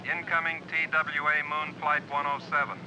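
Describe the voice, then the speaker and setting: A male announcer calling out formal, clipped public announcements over a PA loudspeaker, repeating each call. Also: fairly high pitch, flat delivery, normal speed, noisy background. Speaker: airport announcer.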